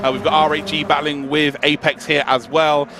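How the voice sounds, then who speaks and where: A man's voice: on the high side, flat delivery, moderate pace, noisy background. A man giving live motorsport commentary on esports sim racing, analysing in a conversational, enthusiastic way.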